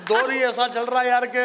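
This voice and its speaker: A man's voice: very high voice, sharp tone. A man from Rajasthan, a comic poet joking with a live audience from the stage and then declaiming verse. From Marwar, Rajasthan. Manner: jokey banter with the audience, rising into declaiming verse. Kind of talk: live stand-up poetry recital.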